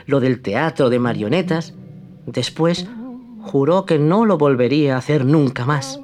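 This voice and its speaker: A narrator reading a fairy tale aloud with an expressive storytelling cadence. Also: mid-range voice.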